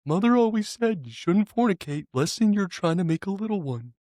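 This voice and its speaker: A man's voice: high-pitched, expressive, fairly quick, a little mellow, dry recording, clean studio sound, pitched above the performer's own voice. A man putting on a creepy old killer drawl. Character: creepy soft-spoken old male killer impression.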